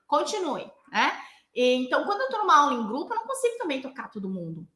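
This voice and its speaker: A woman's voice: high voice, huge pitch swings, rapid-fire, bright, forceful tone, echoey room. A Brazilian woman, a Pilates instructor, explaining teaching technique and often checking in with "né?". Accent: Brazilian Portuguese. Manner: explanatory, with frequent "né?" tag questions.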